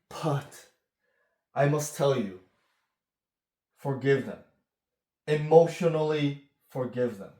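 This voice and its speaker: A man's voice: a little high, echoey room. A man speaking as a relationship coach in an earnest coaching monologue, often checking in with "okay?". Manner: slow, earnest, repeats "okay?".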